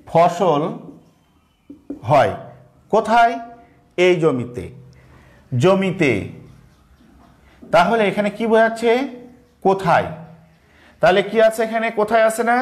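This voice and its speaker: Bangladeshi guy teaching grammar online, high-ish voice, keeps asking and answering his own questions. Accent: Bangladeshi Bengali. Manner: slow, repeats key terms, asks and answers his own questions.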